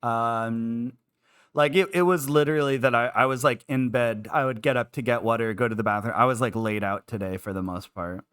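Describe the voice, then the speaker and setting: A man's voice: medium pitch, brisk, a bit bright, smooth, no room sound, studio quality. A man streaming live, chatting casually while feeling sick, rambling with lots of filler words. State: unwell and queasy.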